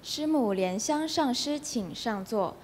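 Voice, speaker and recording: A woman acting as ceremony emcee in a temple hall, calling out the steps of a ritual in a measured, liturgical way. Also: fairly high pitch, expressive, a little mellow. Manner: slow, measured liturgical announcing. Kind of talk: ritual chant leading.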